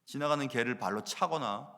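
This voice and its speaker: A man preaching a sermon as pastor, animated, moving between loud emphasis and hushed asides. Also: mid-range voice, fairly quick. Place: church sanctuary. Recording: long reverb of a church hall.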